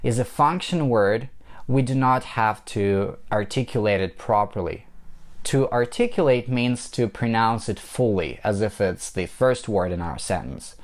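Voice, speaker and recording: A man with a Russian accent, a native Russian speaker, teaching an English pronunciation lesson and slowly repeating example phrases for practice. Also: on the low side, animated. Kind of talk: language lesson.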